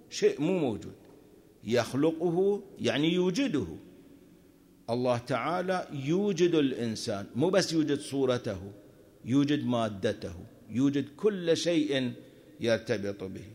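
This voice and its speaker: A man of middle pitch teaching a religious lesson on scripture. He explains patiently, slipping between formal and everyday speech. His voice leaps higher whenever he drives a point home. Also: a little mellow. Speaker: Quran teacher.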